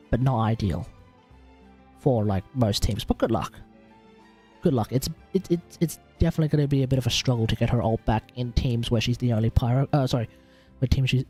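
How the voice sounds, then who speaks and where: Speaking at a medium pitch with a dark tone, an Australian-accented man hosts a casual gaming livestream. He offers tips on character builds, musing aloud with plenty of informal swearing.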